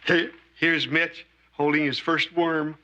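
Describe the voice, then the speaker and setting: A good-natured handyman who talks in a folksy, earnest way with a slightly raised pitch. The old sitcom soundtrack carries clear hiss behind him. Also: fairly even intonation, muffled recording. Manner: folksy, earnest, slow-spoken. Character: genial, simple-hearted handyman uncle. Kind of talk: 1980s sitcom acting. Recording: noisy old TV sitcom audio.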